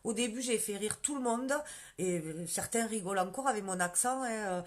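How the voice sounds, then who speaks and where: A woman's voice: mid-range voice, normal speed. A woman with a strong southern French countryside accent, chatting casually on a live stream, answering viewers' questions about her sales work and greeting commenters by name. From southern France. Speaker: beauty sales consultant.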